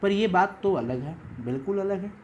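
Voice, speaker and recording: Male teacher, lively storytelling lesson, talks to students directly, faint background hiss. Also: sits high, normal speed, muffled recording. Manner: chatty, animated storytelling with asides to students. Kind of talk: Hindi literature lesson explaining a story.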